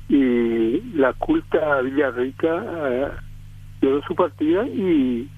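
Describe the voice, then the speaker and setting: A man from Paraguay, calling in to a radio show on speakerphone. He speaks in a measured, formal way with some hesitations. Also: mid-range voice, no room sound. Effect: phone line on speakerphone. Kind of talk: on-air cultural segment and poetry recital. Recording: dry, tinny phone line.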